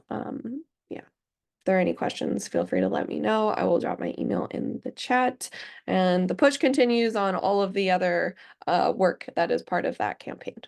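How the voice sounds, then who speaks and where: A woman's voice: lowish voice, animated, moderate pace, creaky, a little mellow. A woman, sounding sick, giving an earnest working group update at an online meeting with many fillers. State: sick, under the weather.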